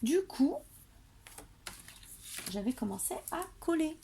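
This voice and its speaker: A woman's voice: sits high, very animated, slow pace, gravelly, dark tone, slight background noise. A woman hosting a home papercraft tutorial, drowsy and tired, chatting in a rambling way with lots of fillers. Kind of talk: casual tutorial chat. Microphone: camera on a tripod.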